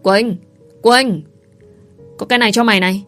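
A woman's voice: mid-range voice, animated, normal speed, soft background music, natural voice. A woman voicing an anxious, blunt young woman friend, asking urgent, stammering questions. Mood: worried.

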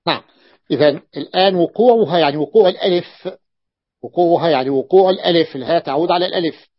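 A male sheikh with a somewhat high voice leads a grammar lesson. He goes over each rule twice and lingers on the example words. The recording is dull, lo-fi and dry. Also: quick pace, no echo. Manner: repeats points, stretches example words, asks students to notice. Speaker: sheikh teaching Arabic morphology. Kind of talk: classroom lesson.

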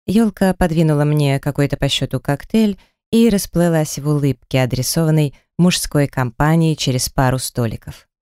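A woman narrating a first-person audiobook in a lively, expressive reading. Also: low-pitched, moderate pace, smooth, no echo, clean studio sound. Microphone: close studio mic.

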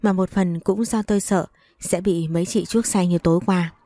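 A woman's voice: lowish voice, steady tone, normal speed, dark tone, no room sound. A woman narrating a first-person romance story, reading all the characters' dialogue in her own voice with little change. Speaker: audiobook narrator.

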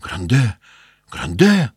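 A man's voice: deep voice, slow pace, husky, dry recording, clean studio sound, exaggerated voice. A man voicing a sick, frightened older mother who cries out in anguish from her bed. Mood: crying out. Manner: crying out, anguished.

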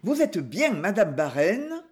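A woman reading aloud, voicing a male police commissioner who questions people in a measured, formal way. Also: mid-range voice, very animated. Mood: questioning.

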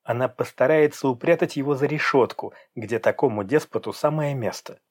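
A man narrating an audiobook in an even, measured storytelling manner. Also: mid-range voice.

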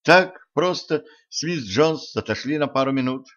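Guy doing a perky young woman, higher and eager, chattering along, muffled recording. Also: expressive, moderate pace, fairly bright tone, close to an everyday voice. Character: lively, quick-witted young woman, playful.

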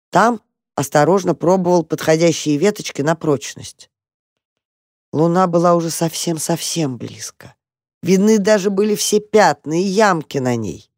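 A narrator reading a children's story aloud in a calm, even manner. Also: mid-range voice, no echo, studio quality.

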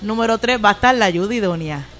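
A woman's voice: medium pitch, lively intonation, fast, background noise. Hesitant woman guest. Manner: hesitant, many fillers, laughs while praising. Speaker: guest speaker. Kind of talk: casual church talk-show chat.

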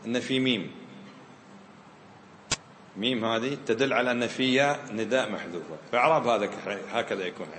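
Man, grammar teacher, questions students, mid-pitched voice, echoing hall. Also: fairly bright tone, slight background noise. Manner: quizzes students, mixing dialect into explanations. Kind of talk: classroom lesson. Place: lecture room with students. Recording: roomy echo.

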